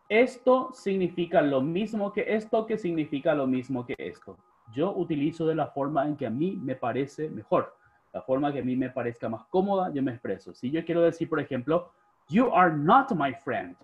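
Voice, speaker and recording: A man with a Paraguayan Spanish accent teaching an English class, slowly drawing out his English model phrases. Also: a little high, a little mellow. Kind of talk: online class lesson. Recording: dull lo-fi class recording.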